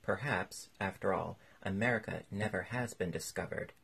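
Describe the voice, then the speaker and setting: A man reading aloud voices a quiet, dry-witted old gentleman with an understated delivery. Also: low voice, normal speed, vocal fry, husky, exaggerated voice.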